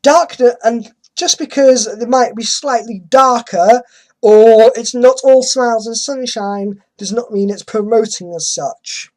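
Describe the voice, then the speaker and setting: At a measured pace, a woman with a slightly high, slightly mellow voice reads an article aloud as host of a dramatic reading. She layers in commentary stressed with sarcasm and exasperation.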